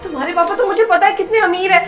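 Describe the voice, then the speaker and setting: Young woman, very high pitch, arrogant and scolding, skit acting, soft music bed. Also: fast talker. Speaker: actress in a short drama.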